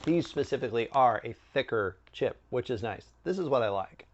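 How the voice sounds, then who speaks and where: A man hosting a snack review, chatting casually with animated, swooping emphasis. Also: medium pitch, a little fast, dull audio. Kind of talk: casual food review chat.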